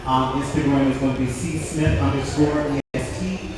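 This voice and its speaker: A mid-pitched man briefly introduces his clothing brand in a plain, matter-of-fact way. He sounds distant, with a long echoing hall around him. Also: fairly even intonation, normal speed, a crowd in the background. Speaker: clothing designer. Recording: echoey hall from far off.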